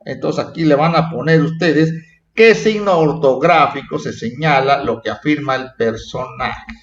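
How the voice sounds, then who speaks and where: Teacher guy explaining a lesson to kids, slightly high voice, roomy muffled sound. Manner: repetitive, checking in with "¿sí?" and "¿eh?". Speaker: primary school teacher. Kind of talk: online class for children. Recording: echoey dull lo-fi room recording.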